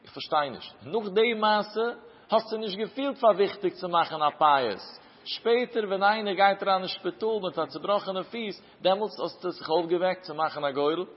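A man with a high-pitched voice gives a traditional Talmud lecture at a moderate pace, chanting the source text and unpacking it through questions. The recording is dull and lo-fi, with long hall reverb.

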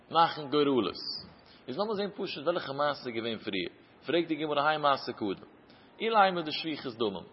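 A man's voice: on the high side, breathy edge. A man teaching a traditional Talmud lecture, chanting the source text and explaining it through questions. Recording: dull lo-fi recording with long hall reverb.

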